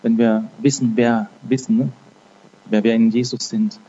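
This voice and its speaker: Man preaching casually, dark voice. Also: mid-range voice, level tone, a little slow, muffled recording, a little hiss or hum. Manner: conversational, frequent "ne?" tags; repeats and restarts words. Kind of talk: informal sermon with prayer.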